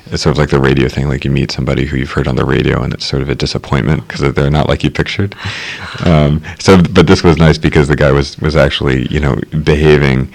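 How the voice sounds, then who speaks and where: A man's voice: extremely low pitch, gravelly. A man chatting casually as a radio guest, rambling with lots of fillers and restarts. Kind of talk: casual conversation.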